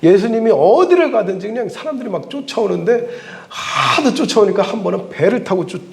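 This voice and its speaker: A man preaching a sermon as a pastor in church, telling the story with animated delivery and dramatic pauses. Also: high-pitched, vocal fry.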